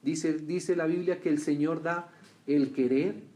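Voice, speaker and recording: A man preaching a sermon who keeps asking his listeners questions and answering them, rising loud on key lines and dropping low and quiet on others. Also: fairly even intonation, a little slow. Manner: swings between raised emphatic lines and quiet low remarks.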